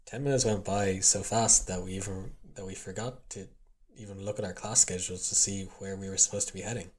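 A man acts out an awkward young college student in an intimate audio role-play. His voice sits fairly low, and he speaks haltingly, stumbling over words like someone nervously confessing his feelings. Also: steady tone, lightly acted. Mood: fond, nostalgic. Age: young adult. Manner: hesitant, stammering, halting, as if confessing.

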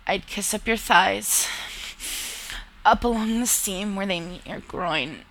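A woman narrating an intimate second-person romantic audio story in a soft voice that often drifts into whispers. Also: mid-range voice, slow pace, poor audio.

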